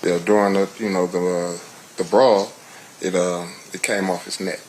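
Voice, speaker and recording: A middle-aged American man giving witness testimony in a casual, colloquial way, halting and often saying "you know". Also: low voice, level tone, a little mellow, a little hiss or hum, low-quality recording. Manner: hesitant, halting, peppered with 'you know'.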